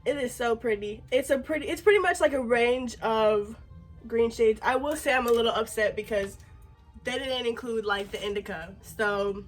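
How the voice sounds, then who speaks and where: A woman's voice: fairly high pitch, moderate pace, faint music behind. A young woman, tipsy and sassy, chatting in a slangy, giggly way as in a casual makeup vlog. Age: young adult.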